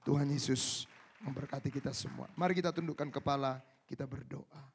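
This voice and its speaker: A man preaching a sermon to a church congregation, moving from quiet asides to shouted high points and addressing the listeners directly. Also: steady tone, fairly quick, slight background noise. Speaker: pastor. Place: church service.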